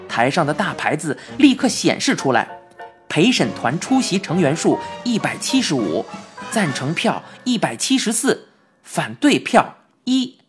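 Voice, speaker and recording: A woman with a Beijing accent narrating a children's story in an expressive, lively way. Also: deep voice. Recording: faint background music.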